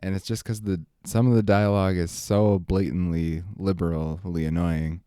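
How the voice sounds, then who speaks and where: A man's voice: low voice, flat delivery, moderate pace, dark tone, smooth, dry recording, clean studio sound. A man co-hosting a casual movie review chat, opinionated and sarcastic. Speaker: podcast co-host.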